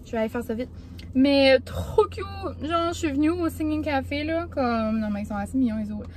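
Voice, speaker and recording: Chatty Québécois woman, high and mellow. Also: fast talker, a little hiss or hum. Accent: Québécois French. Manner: chatty and rambling, heavy filler words. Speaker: vlogger. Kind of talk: casual vlog chat. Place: café, then home.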